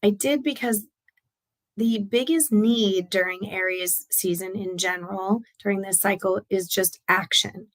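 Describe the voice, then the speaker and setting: A woman speaks with a raspy, worn voice while she recovers from laryngitis. She hosts a casual solo talk as a business coach, upbeat and chatty, with fillers and restarts. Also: mid-range voice, fairly even intonation, unhurried.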